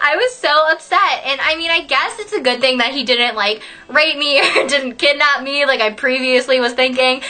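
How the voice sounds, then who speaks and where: A young woman telling a story on her vlog, animated and sweary, laughing often. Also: high voice. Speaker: vlogger.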